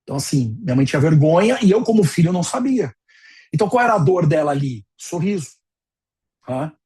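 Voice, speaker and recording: A man's voice: fairly high pitch, big pitch swings, brisk, mellow, slightly rough. A Brazilian man in his forties giving a conversational webinar lecture as a dental practice consultant, checking in with his listeners often and telling personal stories. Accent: Brazilian Portuguese. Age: 40s. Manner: conversational, checks in with frequent tag questions, tells personal stories.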